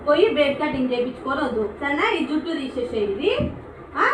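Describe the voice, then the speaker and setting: High-voiced woman coaxing her child. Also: expressive, fast. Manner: coaxing, playful, sing-song with a small child. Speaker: vlogger mother. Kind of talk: casual home vlog, coaxing a child. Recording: echoey room with background noise.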